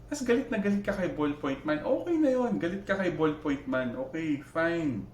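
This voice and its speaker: A man's voice: fairly high pitch, animated, moderate pace, darkish tone. Man, Filipino accent, argumentative vlog reaction, rhetorical questions, echoey room, faint hum. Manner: argumentative, Taglish, rhetorical questions, many restarts. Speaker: vlogger reacting to another creator. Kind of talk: heated reaction commentary.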